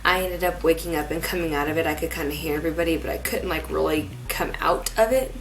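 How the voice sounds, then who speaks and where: Low-pitched woman chatting casually. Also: quick pace, rough recording. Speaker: vlogger. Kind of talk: casual personal vlog chat.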